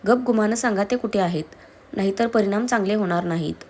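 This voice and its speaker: A woman's voice: medium pitch, fairly quick, darkish tone, natural voice. A woman reading the lines of a fierce, grieving young woman who hurls accusations in a storybook reading. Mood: furious. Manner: heated, accusing.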